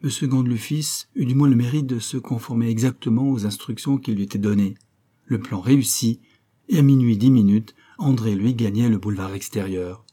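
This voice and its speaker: A man narrating a novel as an audiobook in measured, scripted storytelling. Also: medium pitch, mellow.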